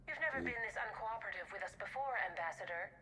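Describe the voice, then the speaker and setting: An actress playing a cool, controlling female agent in a video game, speaking in a measured, quietly threatening way. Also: mid-range voice, animated, slight background noise. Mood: cool, insistent. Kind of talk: dramatic game acting.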